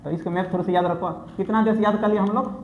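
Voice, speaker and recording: A man's voice: high voice, steady tone, fast, a little hiss or hum. Casting: male coaching-class teacher, eastern Hindi accent, repetitive and coaxing, recorded in an echoey room over a tinny lo-fi mic. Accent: eastern Hindi, Jharkhand. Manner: repetitive, coaxing, drills students by rote. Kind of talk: classroom drill lesson.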